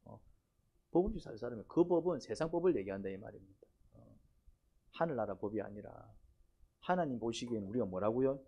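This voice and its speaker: A man's voice: mid-range voice, expressive, brisk, pauses often, dull audio. A man preaching in church with a mid-range voice. He keeps asking the congregation questions and hammers key phrases home through repetition. His wording is blunt and homely, and he pushes it hard at the points he wants to land. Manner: folksy, blunt wording with sudden emphatic rises. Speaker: pastor. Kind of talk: sermon.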